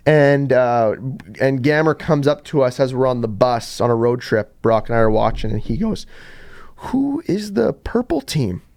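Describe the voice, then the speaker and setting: Young male podcast host, lively storyteller, casual chat. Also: moderate pace, clear, resonant tone. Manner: animated storyteller, jumps to high pitch in quotes.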